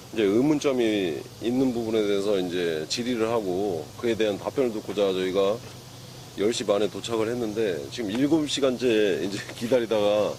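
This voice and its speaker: Man, lowish voice, hesitant report to viewers, faint background noise. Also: darkish tone. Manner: hesitant, filler-heavy report. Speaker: protester addressing viewers.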